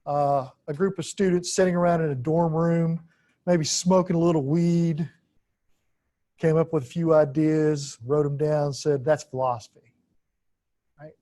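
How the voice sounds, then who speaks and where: Man, philosophy lecturer, slightly high voice, unscripted and halting, lots of "uh", repeats points for emphasis. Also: flat delivery, mellow. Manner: deliberate, halting with frequent "uh" fillers, repeats key phrases for emphasis.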